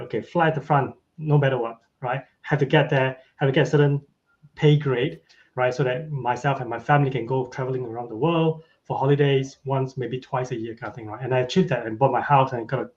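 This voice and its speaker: A man's voice: mid-range voice, fairly even intonation, quick pace, a little mellow. Man with frequent "right?" tags. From Malaysia. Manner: tags sentences with a questioning "right?". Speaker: podcast guest. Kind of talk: casual interview chat. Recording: dull lo-fi audio.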